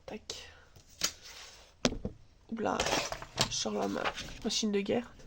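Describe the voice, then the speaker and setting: Her nose stuffed up by a cold, a woman hosts a laid-back crafts tutorial from her table at home, chatting, using filler words and talking through what she's doing. The voice is medium-pitched, level and slow with vocal fry, and the audio from the camera above is very noisy.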